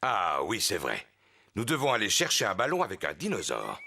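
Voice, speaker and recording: A man's voice: fairly low pitch, wildly swooping pitch, moderate pace, gravelly, bright, forceful tone, a little hiss or hum, exaggerated voice. A man voicing a jolly, indulgent daddy pig in a children's cartoon, with a jovial, playfully formal manner. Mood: genial. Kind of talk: children's cartoon dialogue, French dub.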